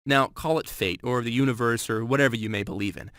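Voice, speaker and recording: A man's voice: mid-range voice, fast, fairly bright tone, dry recording, studio quality. A man in his thirties telling a scripted first-person story with earnest, dramatic emphasis. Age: 30s. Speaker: sales narrator.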